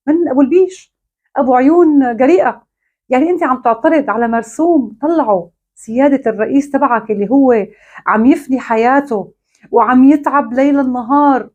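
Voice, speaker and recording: A woman's voice: high-pitched, darkish tone, lo-fi sound. A woman with a Syrian Arabic accent, delivering a mocking, scolding monologue straight to camera. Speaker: online commentator.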